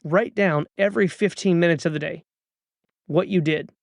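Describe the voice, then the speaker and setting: A man's voice: fairly high pitch, moderate pace, gravelly, dry recording, studio quality. A man in his thirties hosting a podcast, delivering an earnest motivational monologue with urging, repeated calls to action. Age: 30s. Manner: earnest, urging, repetitive exhortations. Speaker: podcast host.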